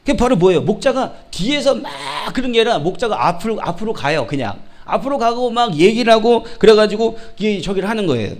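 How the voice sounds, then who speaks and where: A male pastor preaching a sermon in a high voice, which he works for emphasis. His delivery is animated and full of rhetorical questions to the congregation. Now and then he drops into mock regional dialects to make a point with humor. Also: fast talker, few pauses.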